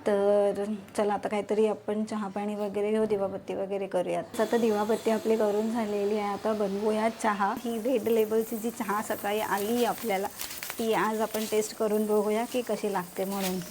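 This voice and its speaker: A woman's voice: medium pitch, little pitch movement, moderate pace, darkish tone, a little hiss or hum. A woman hosting a family vlog, playfully running games with her children and laughing as she coaxes them. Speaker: vlog host, mother. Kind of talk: casual family vlog chat. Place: home, indoors.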